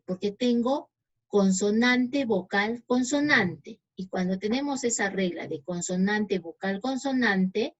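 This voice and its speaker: A Spanish-speaking woman teaching English grammar, slowly reading out example sentences and often checking in with her students. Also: mid-range voice. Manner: slow, reads English examples deliberately, checks in with "¿sí?". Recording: dull lo-fi sound.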